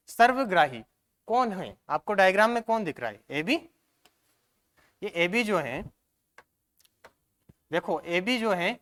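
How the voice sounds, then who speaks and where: A male teacher, giving an exam-prep science lesson, asking questions and answering them himself, checking often whether it is clear. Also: sits high, fairly bright tone.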